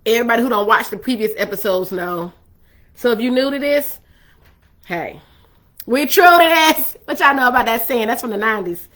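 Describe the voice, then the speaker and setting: Bright-voiced woman teaching the Bible casually. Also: fairly high pitch, fast. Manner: chatty and animated, full of asides to the audience.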